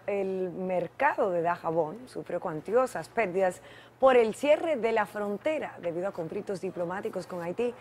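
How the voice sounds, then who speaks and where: A woman in her twenties with a Dominican accent, presenting news briskly in a TV studio. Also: medium pitch, darkish tone, slight background noise. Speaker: news anchor.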